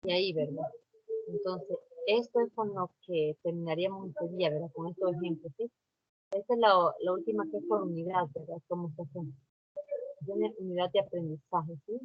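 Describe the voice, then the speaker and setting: A woman's voice: mid-range voice, no echo. A woman teacher giving an online class, patiently repeating instructions and checking in with her students. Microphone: computer mic for a virtual class. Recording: dry, dull lo-fi sound.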